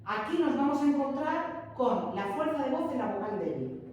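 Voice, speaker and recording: A woman's voice: high-pitched, big pitch swings, normal speed, darkish tone, distant mic. Woman teacher in an echoey hall. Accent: Spain Spanish. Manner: patient, emphatic, checks in with students. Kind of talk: classroom grammar lesson.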